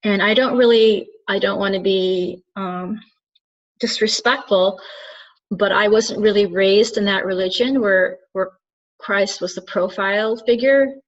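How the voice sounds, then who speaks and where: In a slightly dull lo-fi recording, an earnest woman from Turkey who works as a spiritual channeler and soul coach reflects solo to camera. Her medium pitch holds fairly even intonation while she speaks haltingly, searching for words and often starting over.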